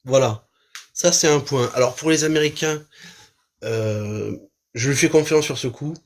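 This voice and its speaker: A man's voice: medium pitch, unhurried. Hesitant French streamer man. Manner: hesitant, full of fillers and restarts. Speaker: live streamer. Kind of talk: casual reaction commentary.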